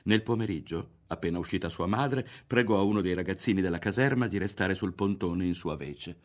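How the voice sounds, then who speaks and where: Deep-voiced man reading a novel. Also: a little fast. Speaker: audiobook narrator. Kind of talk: literary reading.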